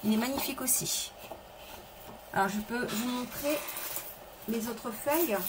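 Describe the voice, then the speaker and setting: A middle-aged papercraft demonstrator hosts a live-stream tutorial, casually talking through her materials, replying to viewers, and beginning sentences again. Her voice is on the high side with a measured pace, set against a noisy background.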